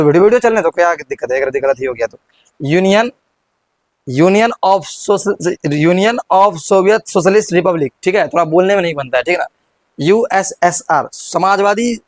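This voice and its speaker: This is a young male teacher with a Bihari Hindi accent and a high voice, running a history class. He keeps asking questions, answering them himself and restarting mid-word. The sound is dry and close. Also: no echo. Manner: repeats questions, prompts students, stumbles and restarts.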